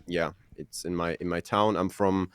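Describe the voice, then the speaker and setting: A man's voice: low-pitched, fairly even intonation, normal speed, a bit bright, clear, resonant tone, no room sound. A young man, answering interview questions in a modest, hesitant way with many ums. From Germany. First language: German. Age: 20s. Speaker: podcaster guest.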